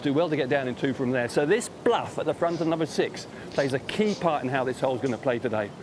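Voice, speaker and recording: A man explains a golf hole from out on the course. He talks in a folksy, demonstrative way, at an ordinary pitch. Clear outdoor background noise runs under his voice. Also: expressive, quick pace.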